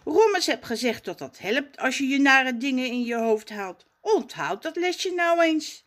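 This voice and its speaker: A woman voicing Raf, an excitable and forgetful young male cousin in a storybook, eager and easily flustered. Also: sits high, voice pushed up. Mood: cheerful. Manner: eager, jumpy, quick to fluster. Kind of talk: storybook character voice.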